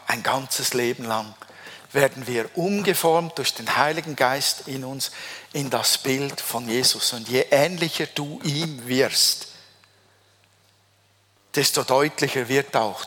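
Bright-voiced preacher in a reverberant hall. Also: male voice, mid-range voice. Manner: emphatic, slows down on key phrases. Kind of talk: sermon. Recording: long reverb of a large hall.

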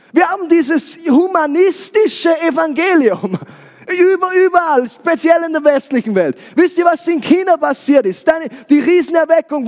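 A man's voice: extremely high pitch, darkish tone. A man preaching a sermon with passion, often stumbling and repeating words as he restarts his sentences. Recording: long hall reverb.

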